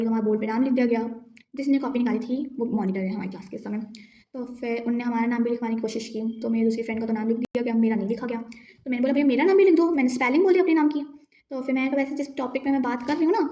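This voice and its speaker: A teenage girl telling a school story in a chatty, animated vlog. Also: sits high. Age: teens. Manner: chatty, animated retelling, quick to anger. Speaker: vlogger. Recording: echoey room with faint noise.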